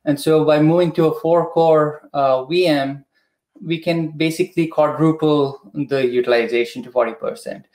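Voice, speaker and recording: A slightly high-voiced man walks through a technical process in a measured, methodical way, pausing often with "uh". He speaks over a video call from a home room, and the room gives his voice a noticeable echo. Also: a little mellow. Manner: measured, explanatory, frequent "uh" fillers. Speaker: product expert guest. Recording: echoey room.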